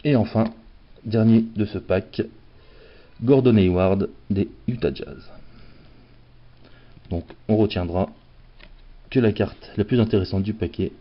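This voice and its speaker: A man talks through opening packs of cards in a relaxed, joking way, often poking fun at himself. His voice sits on the low side. The recording is dull and lo-fi. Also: slow, pauses often. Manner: chatty, self-mocking, playful. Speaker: card collector opening packs. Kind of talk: casual unboxing commentary.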